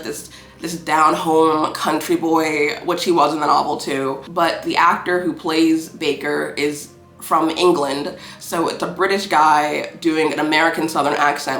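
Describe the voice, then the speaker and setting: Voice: medium pitch, fairly bright tone, echoey room. A film reviewer talking casually about a movie, rambling, cursing and playfully petty.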